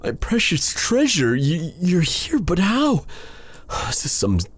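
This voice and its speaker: In a romantic fantasy audio roleplay, a man voices a brooding yet tender dark sorcerer, his husky delivery halting and intimate, his phrasing formal and old-fashioned. His voice sits high and swoops wildly in pitch, heavily acted on a dry recording. He sounds stunned and joyful.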